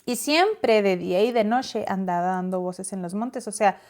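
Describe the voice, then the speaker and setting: A woman's voice: medium pitch, moderate pace, a little mellow. A woman co-hosting a casual Bible discussion, reading verses aloud and explaining them. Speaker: Bible study co-host.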